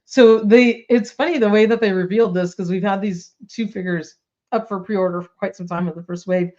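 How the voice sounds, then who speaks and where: Mellow and steady, this woman's medium-pitched voice moves fairly quickly as she chats casually on a toy news podcast she co-hosts. She's bubbly and full of "likes" and "ums," a little under the weather with an oncoming cold, and the lo-fi recording sounds slightly dull.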